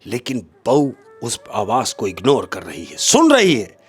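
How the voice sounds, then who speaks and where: Animated male podcast storyteller. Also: medium pitch, measured pace, breathy edge, soft background music. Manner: expressive, addresses the host often.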